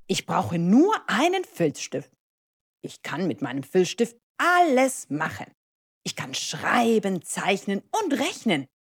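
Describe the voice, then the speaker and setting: A woman's voice: medium pitch, wildly swooping pitch, slow, breathy edge, heavily acted. A woman voicing an eager little boy about to start school, in a storybook reading. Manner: eager, chatty.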